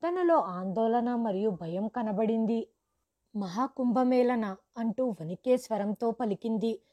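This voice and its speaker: A woman's voice: on the high side, lively intonation, measured pace, warm tone. A woman reading a first-person story as scripted narration, dramatic, raising her voice for quoted lines.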